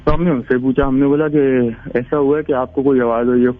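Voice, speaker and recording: A man's voice: medium pitch, fairly even intonation, a little fast, dry recording. A man calling in to tell a ghost story in a rambling, casual way, with many restarts. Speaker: caller. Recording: tinny phone line.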